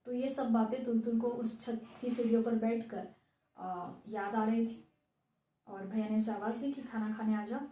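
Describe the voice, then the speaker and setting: A woman teacher walks students through a story, explaining each turn in simple words. Her voice sits a little high. It rings in an echoey room. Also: fairly even intonation, normal speed, warm tone. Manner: explains plainly, glosses words as she goes. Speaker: Hindi teacher. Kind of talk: retelling and explaining a textbook story.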